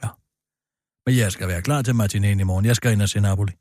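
A man's voice: fairly low pitch, darkish tone, no room sound, clean studio sound. A man in a comedy sketch with a pompous, opinionated way of rambling.

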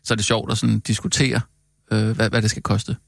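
A man's voice: fairly low pitch, little pitch movement, gravelly, no echo, clean studio sound. A man in a comedy sketch who talks hesitantly, stammering and restarting.

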